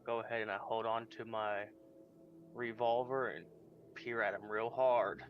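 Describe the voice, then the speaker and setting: A man's voice: lowish voice, fairly even intonation, a little slow, a little hiss or hum. A man playing a tabletop game, asking blunt questions in casual in-character chat. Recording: dull lo-fi mic, music behind.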